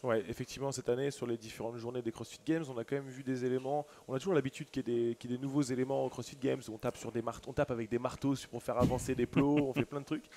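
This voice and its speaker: Fast-talking French co-host. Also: male voice, mid-range voice, slight background noise. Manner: relaxed, easygoing, halting. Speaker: podcast co-host, gym coach. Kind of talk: casual podcast chat.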